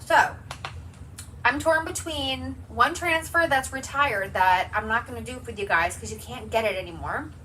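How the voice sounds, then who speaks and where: Woman, craft livestream host, bubbly, enthusiastic, slightly high voice, distant mic, faint background noise. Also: bright, forceful tone. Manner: bubbly and enthusiastic, chatty with viewers. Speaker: craft demonstrator hosting a livestream. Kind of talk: upbeat livestream sales chat. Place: home, at her craft table.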